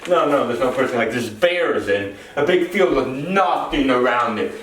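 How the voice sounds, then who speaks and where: A man with a mid-range, fairly bright voice and lively intonation talks at a moderate pace, presenting an improvised explainer. He rambles, repeats phrases and self-corrects in a large echoing warehouse, picked up by a distant mic with faint noise.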